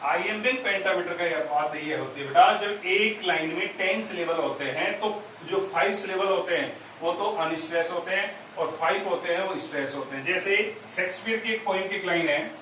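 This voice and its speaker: A man's voice: high voice, moderate pace, hardly any pauses, bright, forceful tone. A male school teacher giving a classroom lecture on poetry, explaining step by step, repeating key points and quizzing his students. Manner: mixes English terms into Hindi explanation. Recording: very echoey room, distant mic, faint noise.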